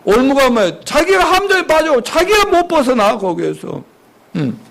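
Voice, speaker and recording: A man with a notably high voice preaches in church with plenty of animation. He quizzes the congregation with quick questions and acts out the angry outbursts he warns against. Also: very animated, vocal fry, fairly bright tone, slight background noise. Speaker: pastor. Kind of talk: sermon.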